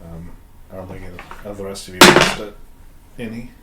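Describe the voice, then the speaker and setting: A man's voice: low-pitched, a little fast. A man narrating as game master in a tabletop game, laughing often between lines. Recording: echoey room with faint noise.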